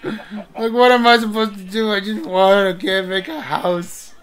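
A woman's voice: medium pitch, fairly even intonation, measured pace. A woman hosting a let's play, narrating her own moves with panicky yelps when chased. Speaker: gaming channel host.

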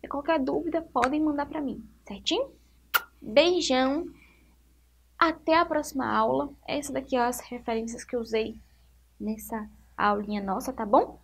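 A woman teaching a literacy lesson to young children, asking questions and answering them herself, stretching words out slowly syllable by syllable. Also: sits high, gravelly, husky.

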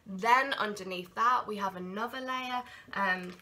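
Fighting a cold, a tarot reader in her thirties chats to a camera in front of her at desk distance, in a small room lit by candles. She speaks at medium pitch, unhurried, with animated hand gestures, occasionally voicing quoted inner thoughts.

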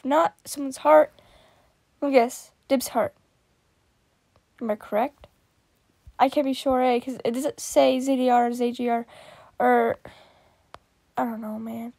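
A woman casually reacting to fan art, excitable and giggly, gasping and exclaiming often. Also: high-pitched, dry recording.

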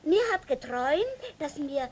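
A woman's voice: high voice, big pitch swings, a little slow, a little mellow, slight background noise. An actress playing a coy, hesitant wife who wakes her husband at night in a 1950s comedy sketch.

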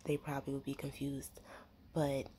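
A young woman rambling in a soft, half-whispered ASMR voice while chewing gum, with lots of fillers, close to the mic. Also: extremely low pitch, completely flat delivery, moderate pace, slight background noise. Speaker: ASMR creator.

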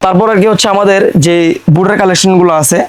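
A Bangladeshi man working as a shop seller, giving a hard-sell pitch in insistent, repetitive patter. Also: little pitch movement, fast talker. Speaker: shop seller presenting products.

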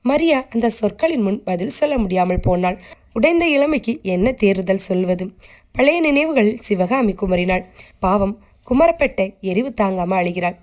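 A woman reading a short story aloud as a steady, scripted narration, keeping the characters close to her own voice. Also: mid-range voice, moderate pace.

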